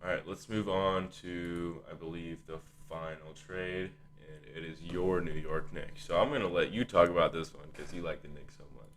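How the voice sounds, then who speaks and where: A man's voice: deep voice, fairly even intonation, moderate pace, hardly any pauses, a bit bright. A man hosting a casual sports discussion, thinking aloud in a hesitant, conversational way. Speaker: podcast host.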